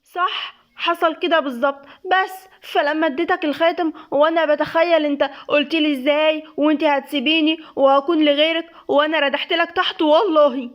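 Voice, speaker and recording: Woman voicing a quick-tempered young husband, Egyptian accent, sarcastic, scolding, muffled recording. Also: sits high, fairly even intonation, pitched above the performer's own voice, close to an everyday voice. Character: hot-tempered young husband, gruff, threatening.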